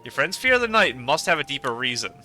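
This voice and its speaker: A man reading the lines of a gentle, wise woman shopkeeper who speaks in proverbs, in a calm, measured way. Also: mid-range voice, soft background music.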